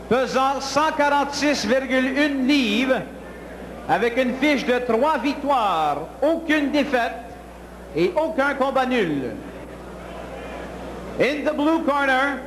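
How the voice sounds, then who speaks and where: A man working as a boxing ring announcer, making formal, declamatory introductions and drawing out the boxers' names. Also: very high voice. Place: indoor boxing arena over loudspeakers. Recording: echoing arena PA, long reverb, noisy.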